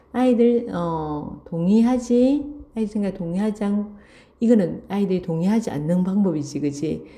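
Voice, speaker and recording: A woman's voice: medium pitch, mellow. A woman teacher reading a story aloud and explaining it line by line, repeating key words and checking in with students. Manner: reads passages aloud, then restates key words slowly and asks "그치?". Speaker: Korean language teacher. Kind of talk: online literature lesson, reading and explaining a story.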